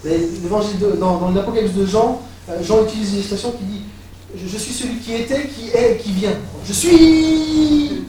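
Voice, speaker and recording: A man preaching a sermon, animated and building to excited exclamations. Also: high-pitched, fairly quick, slight background noise. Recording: echoey hall, voice from far off.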